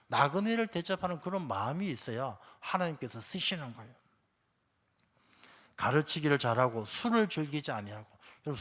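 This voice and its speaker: A man's voice: fairly high pitch, fairly bright tone. A male pastor preaching a sermon in a conversational, emphatic way, speaking straight to the congregation and repeating his key points. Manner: conversational, addresses the congregation directly.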